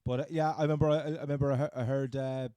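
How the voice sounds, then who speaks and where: Male podcast co-host, Cork accent, very soft mellow tone, close dry sound, halting casual sports chat. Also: medium pitch, little pitch movement, smooth, dry recording. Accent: Cork, Irish. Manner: halting, hesitant phrasing.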